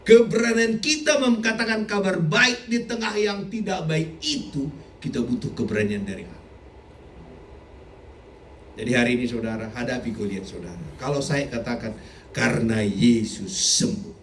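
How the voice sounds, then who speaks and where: A middle-aged man preaching a sermon as a pastor, animated, sometimes shouting and often laughing. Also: medium pitch, normal speed, slight background noise. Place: church hall. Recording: echoey church hall, mic from a distance.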